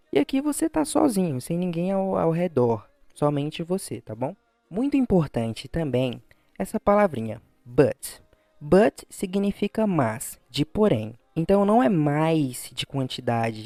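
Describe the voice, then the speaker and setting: A man teaching a language lesson, patiently slowing down and repeating model phrases. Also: fairly high pitch, warm tone, no echo. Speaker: English teacher.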